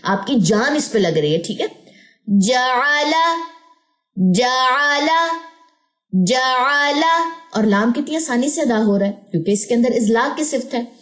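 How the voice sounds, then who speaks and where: A woman teaching a Quran recitation lesson, explaining patiently and drawing out letter sounds slowly in drills. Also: a little high, lively intonation, darkish tone. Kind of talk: slow tajweed lesson with drawn-out recitation drills.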